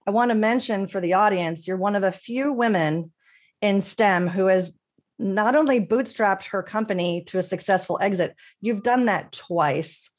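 A middle-aged woman with a mid-pitched voice opens an interview over a webcam. She praises her guest with eager enthusiasm and keeps the intro flowing. She sounds like the show's host. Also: normal speed. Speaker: podcast host. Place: home office, indoors. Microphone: webcam on a video call.

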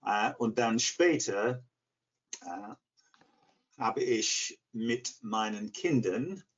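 An Englishman in his sixties from near Liverpool, with a lowish voice and an English accent, answers interview questions haltingly while searching for words in a second language he's learning. He's in his living room on a video call, picked up by a computer mic that sounds dull and lo-fi.

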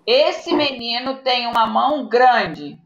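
A woman's voice: fairly high pitch, lively intonation, slow pace, a bit bright. A woman with a Brazilian Portuguese accent teaching a live online class to young children, dictating patiently and checking in often. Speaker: primary school teacher. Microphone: video call. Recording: echoey, muffled video-call audio.

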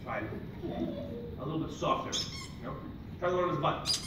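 Distant echoey recording, man, kids party magician, jokey stage patter, high voice, clear background noise. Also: brisk. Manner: playful, jokey, hyping up children. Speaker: children's magician. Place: library auditorium stage, indoors. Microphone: distant audience camera. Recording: roomy, noisy hall recorded from far off.

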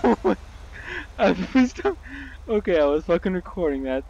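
A man chatting over a gaming headset mic as a server admin, excitable, with loud laughs and rambling restarts. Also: high-pitched, moderate pace, creaky, muffled recording, a crowd in the background. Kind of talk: casual gaming voice chat.

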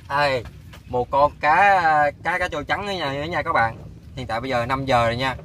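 A young man vlogging his fishing day on a lakeshore, talking to viewers with excitement. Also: mid-range voice, fairly quick, slight background noise, poor audio. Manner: excited, addresses viewers often. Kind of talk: casual outdoor fishing vlog. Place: outdoors on a lakeshore.

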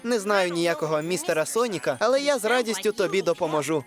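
A man's voice: sits high, expressive, quick pace, over music. A man voicing a cocky young male hedgehog hero in a cartoon dub, wisecracking.

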